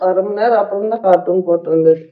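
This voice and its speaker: A man with a Tamil accent, teasing his wife in a deadpan way during a prank. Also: high-pitched, quick pace, phone-quality sound, noisy background. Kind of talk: casual couple banter.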